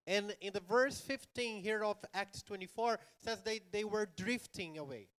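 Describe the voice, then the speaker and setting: Church interpreter, male, slow and smooth, fairly high voice. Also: a bit bright. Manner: rephrases the preacher line by line, with small grammar slips. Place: church hall.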